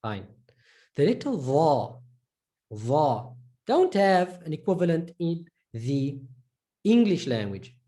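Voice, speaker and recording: Low, mellow woman drilling pronunciation. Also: sing-song, takes it slowly, pauses often. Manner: patient, drills sounds by repeating them. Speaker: Arabic teacher. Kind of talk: live online pronunciation lesson.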